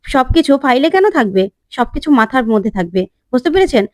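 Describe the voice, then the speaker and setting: A woman's voice: high-pitched, big pitch swings, fast talker, darkish tone, dry recording, clean studio sound. A woman voicing a pushy, arrogant young man who talks in a brash, hectoring way. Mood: angry.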